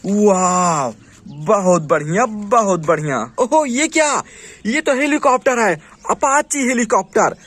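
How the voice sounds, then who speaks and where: A man with a strikingly high voice narrates a toy play session. He keeps exclaiming, cheers the toys on with repeated praise and calls out short commands to them. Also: takes it slowly, a bit bright.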